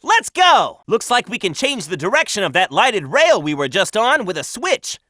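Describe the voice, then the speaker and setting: A man's voice: high-pitched, wildly swooping pitch, moderate pace, pushed and bright, no room sound, studio quality, heavily acted. A man voicing a cocky, upbeat young cartoon hedgehog hero in a video game, brash and confident. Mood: excited, urgent. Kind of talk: video game character voice lines.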